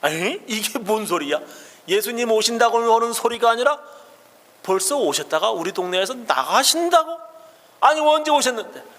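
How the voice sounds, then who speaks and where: A man voicing a blind male beggar who cries out loudly and urgently. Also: extremely high pitch, very animated, normal speed, in a large hall, voice pushed up, full character voice. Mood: alarmed. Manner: loud, urgent crying out.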